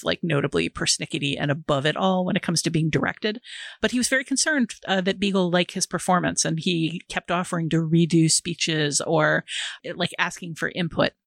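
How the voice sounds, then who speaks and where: A woman's voice: fairly low pitch, vocal fry, no room sound. A woman hosting a film discussion podcast, articulate and enthusiastic as she steers the talk.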